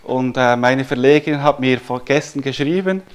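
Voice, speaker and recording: A man's voice: medium pitch, moderate pace, smooth. A man from Switzerland, giving a live spiritual talk on healing to an audience in a room. He speaks reflectively and asks many rhetorical questions. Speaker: spiritual healer giving a lecture.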